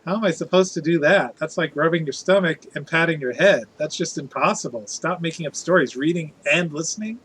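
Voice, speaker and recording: A man's voice: on the high side, a little fast, hardly any pauses, fairly bright tone, husky, poor audio. A man chatting casually as a live streamer, reading out viewer comments in a playful, jokey, theatrical way.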